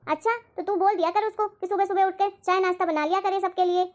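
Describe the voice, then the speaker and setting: A woman playing a shrill, nagging mother-in-law. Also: fairly even intonation, fast talker. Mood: scolding. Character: scolding middle-aged mother-in-law, quick-tempered. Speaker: comedy sketch actor. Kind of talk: scripted family comedy sketch. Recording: dull lo-fi audio.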